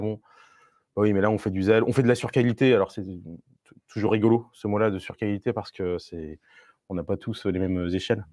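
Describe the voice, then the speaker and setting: A man's voice: lowish voice, darkish tone, no echo, studio quality. A man talking to a live online meetup audience as a Scrum Master, in a conversational way with many fillers and restarts and a few playful asides.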